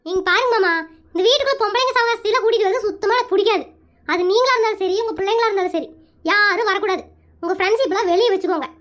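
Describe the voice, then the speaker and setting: A woman's voice: extremely high pitch, racing, a bit bright, pitched below the performer's own voice. A woman voicing a strict, bossy village mother and wife in a cartoon comedy, scolding in a rural Tamil Nadu accent. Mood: stern.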